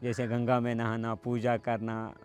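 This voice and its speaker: A young man from Kashmir, telling his personal story in a conversational way, pausing with hesitant fillers. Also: mid-range voice, completely flat delivery, darkish tone. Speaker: meditation teacher sharing his story. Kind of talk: personal testimonial. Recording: music playing clearly underneath.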